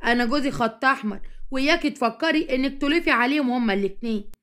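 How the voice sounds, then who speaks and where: A woman's voice: high-pitched, fast, a bit bright. A woman with an Egyptian accent voicing an irritable pregnant young wife who talks bluntly. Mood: exasperated. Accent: Egyptian Arabic. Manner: blunt, exasperated.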